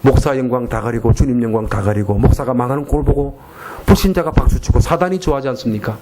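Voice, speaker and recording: A man with a Gyeongsang Korean accent preaching a sermon in church, emphatic and repetitive, switching into slow deliberate English at times. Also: medium pitch, background noise. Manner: emphatic, repeats phrases, mixes in slow English. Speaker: missionary preacher. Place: church sanctuary.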